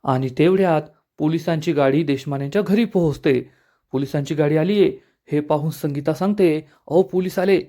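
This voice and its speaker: A man retelling a TV serial episode in a brisk, plain storytelling narration. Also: on the high side, mellow.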